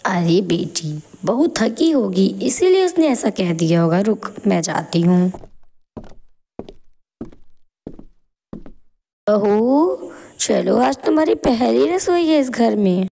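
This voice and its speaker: A woman voicing a harsh middle-aged mother-in-law in an animated moral story, who scolds with sharp taunts. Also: fairly high pitch, takes it slowly, gravelly, heavily acted. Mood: soft.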